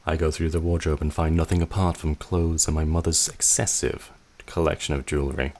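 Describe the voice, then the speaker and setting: A man hosting a let's play, reading the game's narration aloud in a measured way with dry asides. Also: a bass voice, little pitch movement, darkish tone.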